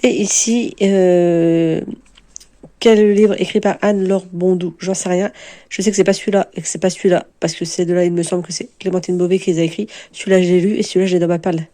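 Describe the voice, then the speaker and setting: Rambling French woman with a mellow voice. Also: on the low side, fairly even intonation, fairly quick. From France. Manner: rambling, self-mocking, many hesitations. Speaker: book vlogger. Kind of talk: casual chat to camera.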